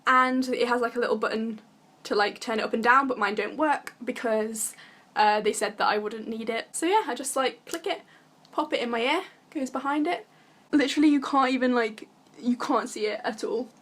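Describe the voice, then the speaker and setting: A woman's voice: a little high, moderate pace, fairly bright tone. Giggly young woman vlogging casually. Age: young adult. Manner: chatty, giggly, full of fillers like "like" and "um". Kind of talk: casual vlog talk to camera.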